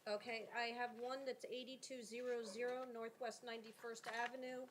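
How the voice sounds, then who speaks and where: Higher-voiced businesslike woman judge, noisy courtroom. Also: level tone, fairly quick. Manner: formal, businesslike. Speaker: judge at a bond hearing. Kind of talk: procedural courtroom speech, reading charges and rulings.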